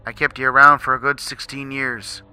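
A man voicing Mr. Krabs, a gruff older male crab who talks like an old sailor and stammers in sorrow. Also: mid-range voice, little pitch movement, normal speed, pushed and bright, dry recording, faint music behind, pitched above the performer's own voice. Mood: sorrowful. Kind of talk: fan creepypasta reading.

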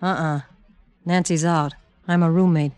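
A woman's voice: low voice, steady tone, a little slow, darkish tone, no room sound, faint music behind. An actress playing a scheming young woman poisoner in an old radio drama, speaking coyly and slyly. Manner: coy and sly, then taunting. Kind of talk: 1940s radio drama acting.

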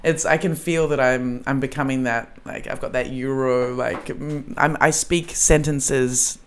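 A woman's voice: rumbling low, steady tone, a little slow, a little hiss or hum. Chatty woman comedian. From Australia. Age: 30s. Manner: chatty, laughs often, trails off mid-sentence. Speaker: comedian and podcast host. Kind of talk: casual chat.

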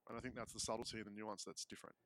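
An Australian man talking as a podcast guest in casual chat, quick and often restarting phrases as he explains. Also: fairly low pitch, steady tone, a bit bright, low-quality recording.

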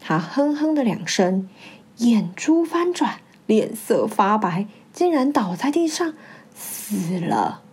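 Woman storyteller, high voice, expressive storybook narration. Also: slow pace, slightly rough.

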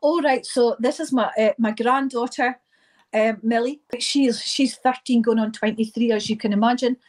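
A middle-aged or older woman with a Highland Scottish accent, speaking informally as an interview guest, often repeating words as she goes. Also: fairly even intonation, a little mellow. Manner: halting, repeats words and phrases. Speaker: interview guest, event organiser.

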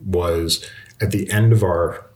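A man's voice: low-pitched, fairly even intonation, slow pace, darkish tone, slight background noise. A man hosting a podcast, telling a travel story in a casual, chatty way with detours. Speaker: podcast host.

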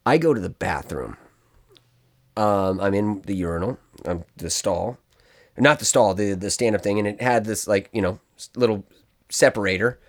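Casually chatting on a podcast, a man with a lowish voice and normal speed tells a long story full of animated rambling and self-interrupting asides.

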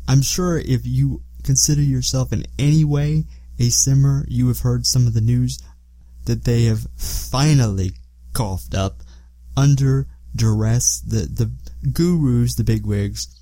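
Mellow, self-deprecating man hosting a podcast. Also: medium pitch, measured pace, no room sound. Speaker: podcast host. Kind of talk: casual solo podcast talk.

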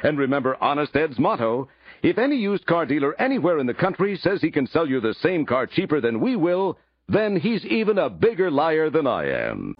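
A man reading a parody radio sponsor announcement as a scripted pitch. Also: huge pitch swings, normal speed, breathy edge. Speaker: comic ad announcer. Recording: muffled lo-fi radio clip.

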